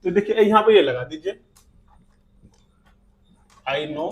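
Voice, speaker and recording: A man with an Indian English accent teaching an English lesson, saying each example slowly and glossing it in Hindi. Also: sits high, lively intonation, dull audio, slight background noise. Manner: slow, repeating words with Hindi glosses. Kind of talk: classroom lesson.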